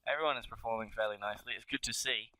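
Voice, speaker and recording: A man's voice: fairly low pitch, rapid-fire, pushed and bright, poor audio. A man giving analytical colour commentary on an esports match, building hype with vivid phrasing.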